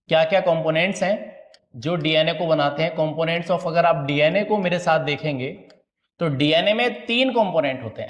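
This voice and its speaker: A man with a rather high voice delivers a classroom biology lecture. He keeps firing questions at his students and answering them himself, repeating each key term. He often checks whether they have understood. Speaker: biology teacher. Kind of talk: classroom lecture at a slide board.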